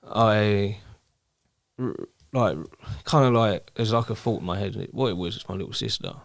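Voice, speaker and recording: A man's voice: fairly low pitch, normal speed, vocal fry, dry recording. A man, speaking hesitantly as a guest and talking candidly about his life, with many stops and restarts. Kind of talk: candid personal talk.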